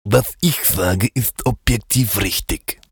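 Man playing a slow, pompous intellectual. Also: on the low side, vocal fry, breathy edge, dry recording, clean studio sound, exaggerated voice. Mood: arrogant.

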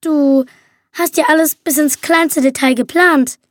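A woman's voice: high voice, fairly even intonation, dry recording, voice pushed up. A woman reader voicing a nervous teenage boy who hesitates as he stalls for time in an audiobook. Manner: hesitant, halting.

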